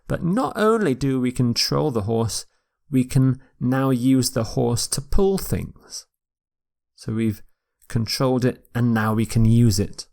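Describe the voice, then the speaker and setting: A man teaching English vocabulary in a recorded lecture, repeating each word slowly and carefully for pronunciation. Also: mid-range voice. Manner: slow, deliberate, repeats words for pronunciation.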